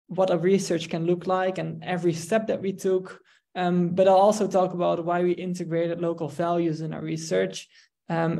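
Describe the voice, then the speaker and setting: Gravelly-voiced man presenting. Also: high voice, dark tone. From Netherlands. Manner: measured, with frequent ums and restarts. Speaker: guest presenter, researcher. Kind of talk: online presentation. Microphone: video call.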